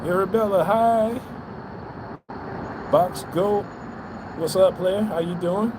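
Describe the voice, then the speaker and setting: A man's voice: high-pitched, slow pace. An American man ranting casually to a livestream, blunt and profane, repeating phrases for emphasis. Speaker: livestream host. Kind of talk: casual livestream political rant. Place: outdoors on an urban balcony. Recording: loud outdoor city traffic noise. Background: street ambience and vehicles.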